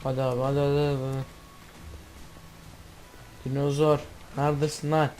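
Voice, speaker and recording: A man from Turkey giving excitable gameplay commentary, swearing and yelling when startled. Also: medium pitch, normal speed, a little hiss or hum. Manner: excitable, swears and yells in surprise. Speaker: gamer.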